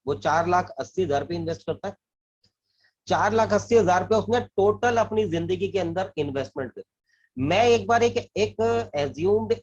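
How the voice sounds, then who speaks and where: Financial advisor guy, kinda husky voice, high pitched, dull lo-fi sound. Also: a little mellow. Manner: earnest, repeats and restarts phrases, mixes English terms into Hindi. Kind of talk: explanatory talk to camera. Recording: dull lo-fi recording.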